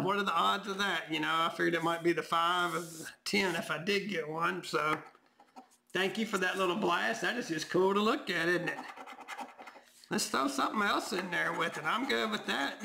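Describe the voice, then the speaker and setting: Folksy hoarse-voiced man. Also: sits high, bright, forceful tone, a little hiss or hum. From Tennessee, US. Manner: folksy, talks to viewers as "y'all", reads numbers aloud. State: voice going hoarse. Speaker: lottery scratch-off vlogger. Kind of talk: casual commentary while scratching tickets.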